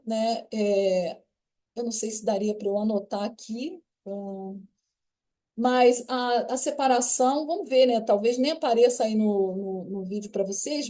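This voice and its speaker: A Brazilian woman teaching an online lesson in a mellow, warm voice set a little high. She talks patiently and often stops to check her listeners are following. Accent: Brazilian Portuguese. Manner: explanatory, checks in with "certo?" and "né?". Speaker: French teacher.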